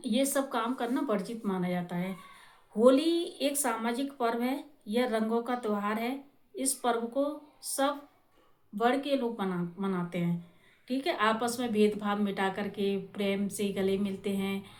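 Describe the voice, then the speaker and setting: A woman's voice: a little high, darkish tone, reverberant. A woman explaining festival rituals in a casual, explanatory way, often checking in with her listeners.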